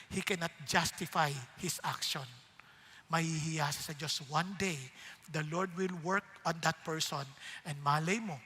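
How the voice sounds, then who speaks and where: A man's voice: a little high, pushed and bright, breathy edge. A man preaching a sermon. He asks the crowd rhetorical questions and switches between Tagalog and English. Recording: long hall reverb.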